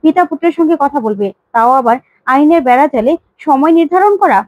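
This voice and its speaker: A woman's voice: sits high, lively intonation, fast talker, darkish tone, dry recording, dull audio. A woman voicing a grieving, stern middle-aged father who laments and demands the truth.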